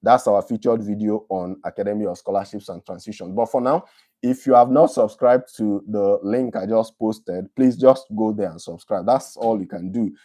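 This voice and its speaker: A Nigerian man hosts a live stream Q&A, reading viewer questions aloud and answering them one by one. His voice sits low and sounds mellow and dark. He talks in an easy, conversational way.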